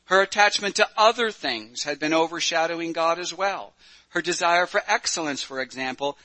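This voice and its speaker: A man's voice: on the high side, bright, forceful tone, low-quality recording. A male preacher who reads a story aloud and then preaches in a plain-spoken way, with self-deprecating asides and hesitant fillers. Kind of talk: sermon with story reading.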